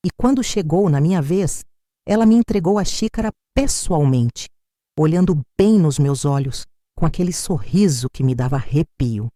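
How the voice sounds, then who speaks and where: A woman's voice: deep voice, expressive, normal speed, mellow, dry recording, clean studio sound. An older Brazilian woman narrating a first-person story in a dramatic, emphatic way. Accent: Brazilian Portuguese.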